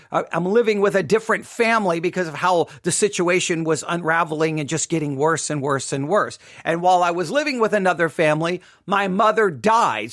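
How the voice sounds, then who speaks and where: This middle-aged man from Texas, United States, hosts a podcast, delivering a personal story as an emphatic, repetitive monologue peppered with "right?" to draw agreement. His voice sits high and sounds a bit bright.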